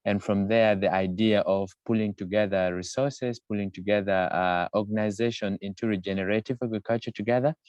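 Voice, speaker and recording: A man from Uganda, speaking in a measured way with many pauses on a video call. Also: on the low side, steady tone, a little mellow, no echo. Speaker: permaculture project leader. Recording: dull, muffled video call audio.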